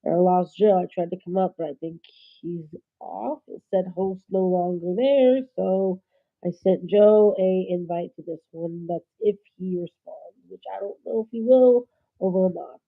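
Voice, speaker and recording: Late at night, a woman with a head cold hosts a casual livestream from her phone, her lowish voice unhurried and the sound phone-quality. She drifts through loose, rambling chat, nasal and congested, seeming slightly stoned.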